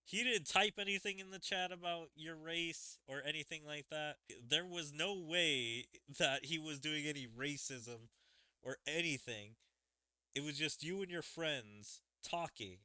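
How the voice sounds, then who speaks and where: Streamer guy reacting, super bright crisp voice, dry close sound, says like a lot. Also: a little high, dry recording. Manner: rambling, lots of "like" fillers. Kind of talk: casual reaction commentary.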